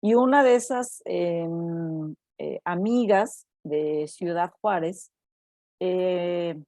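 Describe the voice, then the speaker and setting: This woman's fairly low voice draws out its words, recorded at studio quality with no room sound. She's a Mexican university researcher narrating a story in a casual interview, animated throughout, acting out quoted voices and often finishing with "¿no?".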